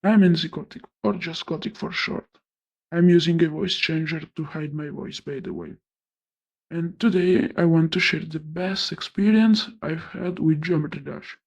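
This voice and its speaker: A man from Italy talking through a pitch-shifting voice changer, shyly reading a prepared interview answer. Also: moderate pace, gravelly, lo-fi sound. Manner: shy, reading a prepared script.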